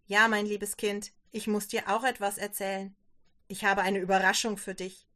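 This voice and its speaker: A woman voicing a stern middle-aged merchant father who gets angry and scolds loudly. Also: medium pitch, monotone, normal speed, lightly acted. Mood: jovial. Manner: loud, scolding, dismissive.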